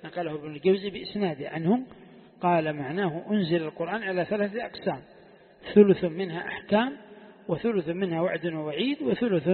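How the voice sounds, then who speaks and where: A man's voice: high voice, husky. A man teaching a class as a sheikh, asking his students questions and repeating key phrases. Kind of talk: classical text lesson. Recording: echoey hall, tinny phone-like sound.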